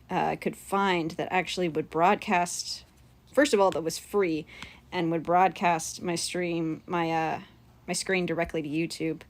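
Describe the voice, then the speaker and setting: A woman who is slightly under the weather with sinus pressure, chatting casually and informally to viewers as she hosts an unscripted livestream. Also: on the low side. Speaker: livestream host.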